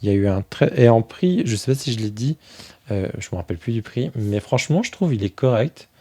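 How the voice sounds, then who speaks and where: A man chatting casually through a review of a tarot deck, filling pauses with "euh" and thinking aloud as he goes. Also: mid-range voice, lively intonation, dark tone, no room sound. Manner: chatty, many fillers, thinks aloud while flipping cards.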